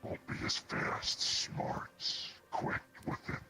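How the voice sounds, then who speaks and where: A man casually explaining old myths to friends, slow and rambling with pauses to find his words. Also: pushed and bright, soft background music.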